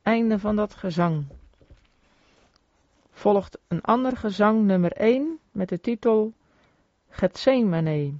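A woman reading old religious hymn texts aloud in a slow, measured and earnest way. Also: mid-range voice, lively intonation, mellow, no echo. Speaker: reader of devotional verse. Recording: dull lo-fi recording.

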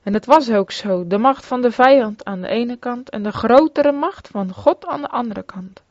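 A woman's voice: fairly high pitch, moderate pace, a little mellow, dry recording. Solemn woman reading a religious memoir. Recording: dull dry lo-fi recording.

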